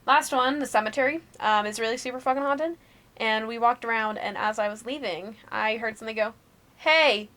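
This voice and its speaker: A young woman co-hosting a podcast, telling her ghost stories casually, laughing, swearing and going hushed at the spooky parts. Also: a little high, fairly even intonation, fairly quick. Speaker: podcast co-host. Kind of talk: casual storytelling chat.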